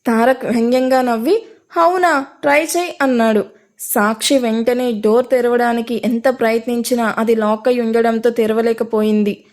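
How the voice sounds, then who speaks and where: A woman's voice: a little high, little pitch movement, normal speed, a little mellow. A woman reading an audio love story aloud, giving the characters' lines a lift in her voice. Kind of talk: scripted narration of an audio story.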